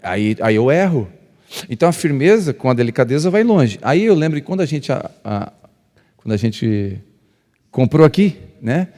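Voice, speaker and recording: A man's voice: medium pitch, normal speed. Man preaching in an echoing church hall. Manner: lively storyteller who acts out dialogue and jokes with the crowd; naturally loud speaker. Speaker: pastor. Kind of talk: preaching to couples, telling stories. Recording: long reverb of a church hall.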